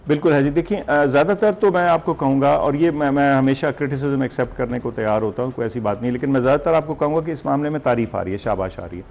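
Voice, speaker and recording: A man with a Pakistani accent answering interview questions as a health official, in a measured, polite, explanatory way. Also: mid-range voice, creaky, darkish tone.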